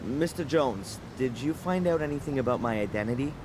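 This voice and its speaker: A man's voice: mid-range voice, expressive, fairly quick, noisy background, close to an everyday voice. A man voicing a sullen, sceptical suspect who is a video game's protagonist, dry and sardonic. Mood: determined, sullen. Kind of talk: video game voice acting.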